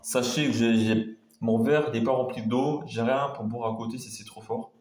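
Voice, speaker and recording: A man's voice: mid-range voice, fairly even intonation, normal speed, a little mellow. A man chatting casually to viewers as a food-tasting vlogger, talking in a hesitant, rambling way and repeating himself. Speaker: food taste-test vlogger. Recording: roomy echo, faint background noise.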